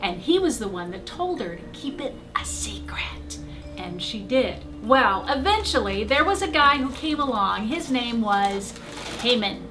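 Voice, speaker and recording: A woman's voice: fairly high pitch, expressive, a little slow, over music. A woman working as a children's pastor, telling a story casually to kids in short, emphatic sentences.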